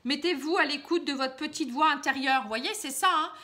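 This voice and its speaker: A woman with a bright, high voice gives a casual tarot reading directly to the viewer at a fairly quick pace. Her speech is loose and chatty, full of fillers and little tags, and she keeps offering the listener gentle advice.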